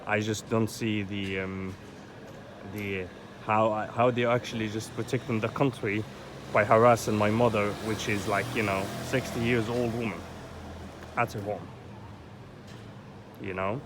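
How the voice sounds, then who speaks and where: Loud traffic from an outdoor street runs behind this Egyptian man in his thirties as he delivers a rambling vlog monologue. He sounds agitated, swears a lot and keeps saying "you know," though his lowish voice stays flat, a little slow, with frequent pauses.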